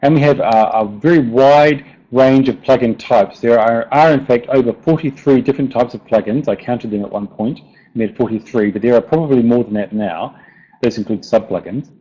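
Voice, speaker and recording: A man's voice: mid-range voice, moderate pace, warm tone. A man with a broad New Zealand accent giving an informal technical presentation, often hesitating and repeating words. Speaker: presenter, software developer. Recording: dull lo-fi online audio.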